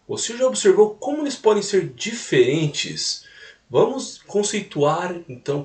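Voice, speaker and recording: Echoey man teaching a music lesson. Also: fairly high pitch. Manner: explanatory, repeats points with "né?" tags. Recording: roomy echo, mic at a distance.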